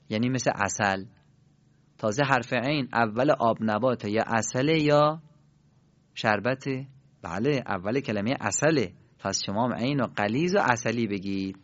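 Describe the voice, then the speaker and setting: A man's voice: medium pitch, no echo, dull audio. A man teaching Quran recitation, who demonstrates throat sounds patiently and has listeners repeat after him. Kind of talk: recorded tajweed lesson.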